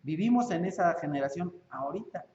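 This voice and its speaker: A man with a Mexican accent preaching a sermon as pastor, animated and acting out parents and children. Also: a little high, slight background noise. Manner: animated, acts out parents and children in quick voices. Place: church. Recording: echoey lo-fi church hall recording.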